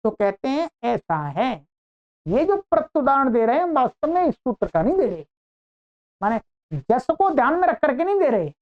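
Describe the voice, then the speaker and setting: A woman's voice: high voice, sing-song. A woman teaching Sanskrit grammar in an online lecture, explaining patiently and checking in with the listener as she goes. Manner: slow, explanatory, repeats points with "ठीक है". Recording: dull lo-fi audio.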